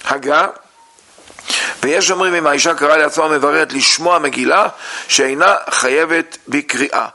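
A man teaching a lesson on religious law, reading sources aloud and explaining them with many pauses and fillers. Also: on the high side, sharp tone. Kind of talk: halakha lesson.

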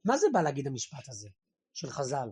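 A man giving a Torah lesson to a group, animated, firing rhetorical questions and acting out the voices he quotes. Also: medium pitch, husky. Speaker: religious teacher.

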